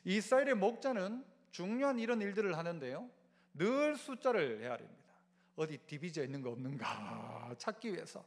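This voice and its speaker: A man's voice: high voice, big pitch swings, normal speed, creaky. A male pastor with a Gyeongsang Korean accent preaching a sermon, asking the congregation questions and having them repeat after him. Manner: call-and-response preaching, asks the congregation to repeat. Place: church sanctuary. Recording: long church hall reverb.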